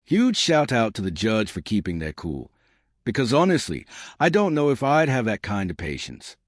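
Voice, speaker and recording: A man's voice: on the low side, big pitch swings, normal speed, no room sound, studio quality. A man hosting a scripted reaction video, giving hyped-up, mocking commentary with emphatic delivery. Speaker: host of a reaction channel.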